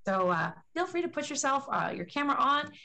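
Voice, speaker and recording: A woman's voice: high voice, big pitch swings, a little fast, vocal fry, bright, forceful tone, a little hiss or hum. A middle-aged woman, manager of an education platform, introducing an online session on a webcam, welcoming with many ums and uhs. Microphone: video call webcam.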